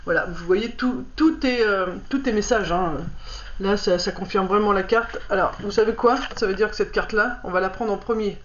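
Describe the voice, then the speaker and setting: A woman's voice: mid-range voice, normal speed, slight background noise. A woman giving a casual oracle card reading to the camera, hesitant and stumbling with many fillers as she reads. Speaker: card reader. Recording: dull lo-fi recording.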